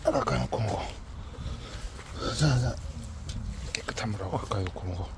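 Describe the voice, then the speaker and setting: A man talking gently to two shy country dogs outdoors as he feeds them, with coaxing baby talk and many repeated words. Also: fairly low pitch, expressive, moderate pace, noisy background. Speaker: vlogger feeding rural dogs. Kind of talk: casual talk to dogs and camera.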